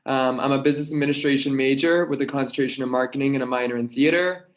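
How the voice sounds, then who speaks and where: A man's voice: medium pitch, fairly even intonation, fast. A young man from Massachusetts on a casual video call panel, earnest and slightly rambling. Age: young adult. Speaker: student panelist. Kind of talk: casual livestream Q&A.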